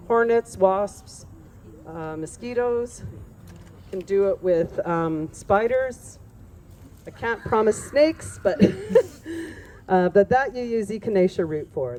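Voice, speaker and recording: A woman's voice: medium pitch, slow, slight background noise. Laughing woman telling plant stories. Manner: lively storyteller who laughs often. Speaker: plant medicine teacher. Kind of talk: teaching a group with stories.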